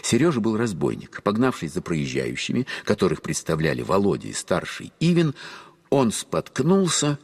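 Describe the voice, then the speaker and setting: An actor playing a grown man wistfully recalling his boyhood, in reflective, measured literary narration. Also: low-pitched, wildly swooping pitch, husky, no echo, clean studio sound, heavily acted.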